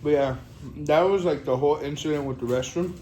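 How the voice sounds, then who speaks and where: A young man telling a story in a casual vlog, animated and profane, full of fillers. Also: a little high, fairly quick, a little hiss or hum, poor audio. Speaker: vlogger.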